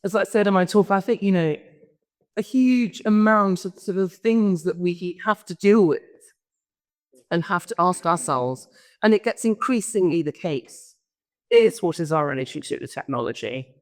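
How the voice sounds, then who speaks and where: Her voice is lowish with lively intonation and a slightly slow pace. She's a guest speaker giving an informal, rambling conference talk in a large event hall, frequently breaking into her own storytelling, with long hall reverb on the recording.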